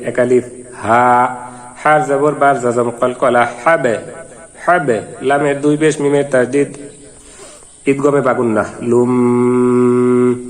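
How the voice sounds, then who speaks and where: A man teaching Quran reading, going through each syllable in a very slow, deliberate way before chanting the verse in a long, drawn-out melody. His voice sits at an ordinary middle pitch. A long reverb trails after every word. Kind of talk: slow step-by-step recitation lesson.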